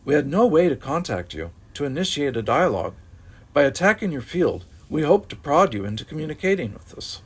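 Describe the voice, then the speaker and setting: A man doing a calm, formal android. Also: on the high side, brisk, breathy edge, pitched above the performer's own voice. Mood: earnest. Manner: precise and formal.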